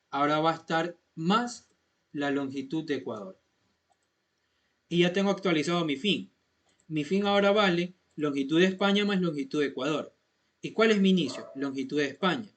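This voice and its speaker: A slightly high-voiced man, a programming instructor, explains code to students one step at a time. He patiently repeats every point and keeps confirming they're following, much like a classroom lesson.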